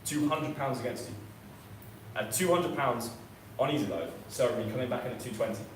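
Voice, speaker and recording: A man's voice: medium pitch, a little fast. A man working as an auctioneer, calling live bids with repeated prices and increments. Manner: repetitive chanting of prices and increments. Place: auction sale room, indoors. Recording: echoey room, distant mic, background noise.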